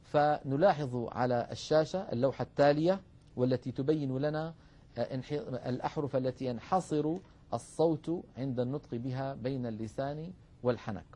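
A man's voice: medium pitch, a little fast, mellow. A man teaching Arabic phonetics over slides, patiently addressing viewers and drawing out example syllables for them to repeat. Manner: models sounds aloud, drawing out syllables for the class. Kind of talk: instructional lecture with slides.

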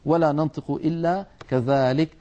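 A man teaching Quran recitation, explaining letter sounds earnestly and sometimes scolding, drawing out his demonstrations slowly. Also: fairly high pitch, fairly even intonation, warm tone, highs cut off. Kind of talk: tajweed lesson.

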